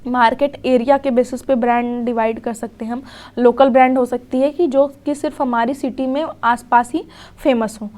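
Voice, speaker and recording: A woman's voice: on the high side, fairly even intonation, a little mellow. Young woman teaching a recorded lecture. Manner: explains in Hindi, reads English definitions slowly, often adds "theek hai".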